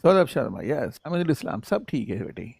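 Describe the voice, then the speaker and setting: Hindi-speaking male biology teacher, mellow voice. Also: medium pitch, very animated, vocal fry, husky, no room sound. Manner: addresses students as 'sahab' and 'bachchon', repeats key points; reads English definitions slowly then explains in Hindi. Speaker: reads out student names from live chat. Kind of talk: online live-class lecture.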